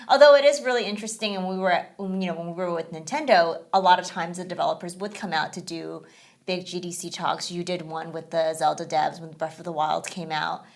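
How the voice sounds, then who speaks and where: A woman co-hosting a gaming podcast chats casually, rambling and leaning on fillers like "you know." Her voice is on the low side with fairly even intonation and vocal fry, and she speaks briskly.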